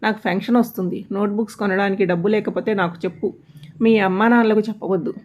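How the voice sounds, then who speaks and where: Give me a woman playing a gentle old grandfather who calmly comforts a child. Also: mid-range voice, fast talker, lo-fi sound, lightly acted. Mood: soothing. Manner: patient, soothing advice. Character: kindly elderly grandfather, gentle and wise.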